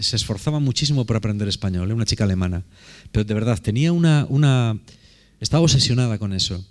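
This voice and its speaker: A man's voice: medium pitch, a little mellow. A man preaching a sermon in a conversational, emphatic way, often asking rhetorical questions.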